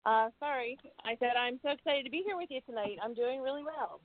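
A woman guest coach talking in a warm, earnest way, with many "you know"s as she shares her experience. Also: high-pitched, fast talker, dry recording. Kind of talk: casual conversational sharing. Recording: phone-line call-in audio.

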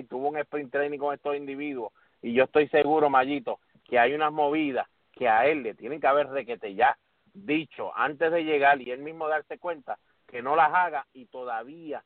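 A man hosting a casual sports podcast, talking in an animated way and calling his co-host by name. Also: on the high side, no echo. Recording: tinny phone-like audio.

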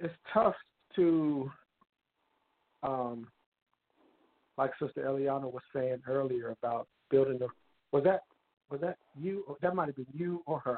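A man calling in to a church prayer group over the phone on speakerphone, talking in a halting way and repeating himself. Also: medium pitch. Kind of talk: casual church prayer-call sharing. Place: a bathroom, away from family. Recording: tinny speakerphone line.

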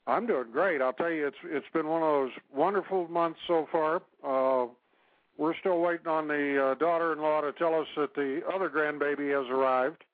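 A man's voice: fairly high pitch, steady tone, moderate pace, no room sound. A middle-aged man from Texas chatting casually as a caller on a phone-in show. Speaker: phone-in caller, regional coordinator. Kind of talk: casual chat. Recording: dull lo-fi phone line.

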